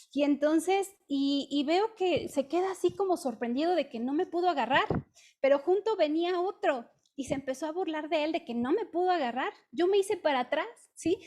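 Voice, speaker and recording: A woman's voice: high-pitched, darkish tone. A woman with a Mexican accent preaching to a women's group in a conversational way, often checking in with her listeners. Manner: conversational, with frequent "¿sí?" check-ins and "este" fillers. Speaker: women's ministry speaker. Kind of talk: devotional preaching.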